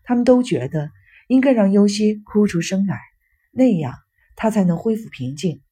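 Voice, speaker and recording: A woman narrating an audiobook in a measured, gentle storytelling manner. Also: mid-range voice, animated, breathy edge.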